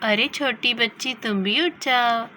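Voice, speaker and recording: A woman's voice: a little high, unhurried, slight background noise. A woman doing a coaxing mother doll. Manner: coaxing, gently scolding. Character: fussing young mother doll, patient and coaxing.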